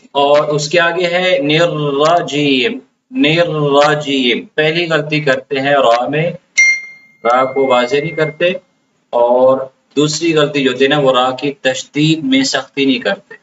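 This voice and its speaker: A man's voice: fairly high pitch, fairly bright tone. A man teaching the pronunciation of Quranic recitation, explaining patiently and drawing out words as he demonstrates them. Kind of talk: pronunciation lesson. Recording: dull lo-fi sound with faint background noise.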